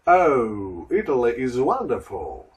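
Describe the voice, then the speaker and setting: A man voicing repeat-after-me lesson drills, slow and careful, with lively intonation. He sounds set back from the microphone. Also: mid-range voice, recorded from a distance, rough recording. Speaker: lesson model voice repeating lines.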